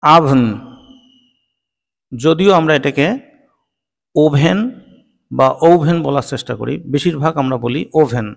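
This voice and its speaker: A man teaching English pronunciation in a lesson, drilling words one at a time slowly and deliberately. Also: medium pitch, gravelly, in a large hall. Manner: slow, deliberate word-by-word drilling.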